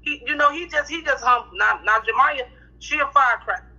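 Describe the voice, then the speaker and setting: A woman in her thirties talks openly in a street interview. She uses loose slang and keeps repeating and restarting her words. Her voice is very bright, and the recording sounds dull and lo-fi. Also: high-pitched, a little fast. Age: 30s. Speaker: interview guest, cousin of the family.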